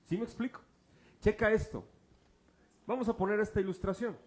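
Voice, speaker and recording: A male pastor speaks at a moderate pace in a high voice with fairly even intonation. Informal and joking, he quizzes his congregation through fill-in-the-blank questions and illustrates with objects.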